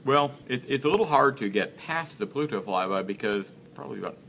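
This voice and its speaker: A man in his thirties, an interview guest speaking in a casual live-stream chat, earnest and halting as he searches for words. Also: medium pitch, expressive, a bit bright, a little hiss or hum. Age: 30s.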